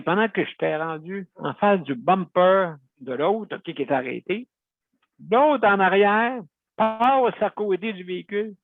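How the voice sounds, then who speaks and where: A man's voice: on the high side, creaky, no echo. A man hosting a show, telling a rambling, chatty story to his listeners and correcting himself as he goes. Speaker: host. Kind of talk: casual talk to listeners. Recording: tinny phone-like sound, dry.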